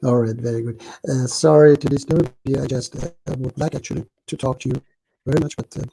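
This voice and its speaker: A man's voice: medium pitch, steady tone, fairly quick, creaky, mellow. A man calling into a live stream, talking hesitantly with many fillers, his built-in mic clipping and distorting. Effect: clipping, distorted built-in mic audio. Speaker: caller. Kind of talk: casual call-in chat.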